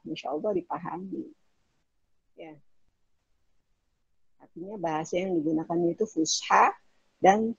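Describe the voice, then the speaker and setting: Low husky woman lecturing. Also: darkish tone, dry recording, muffled recording. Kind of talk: online class lecture. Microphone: video call.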